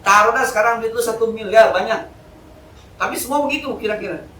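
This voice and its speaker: A male preacher lectures in a lively, joking, colloquial way, his voice sitting a little high. The sound is roomy and picked up from some distance in a mosque hall, with a faint hiss behind it. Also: fast talker. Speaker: ustadz giving an Islamic study lecture. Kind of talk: casual evening sermon. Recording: echoey hall, mic from a distance.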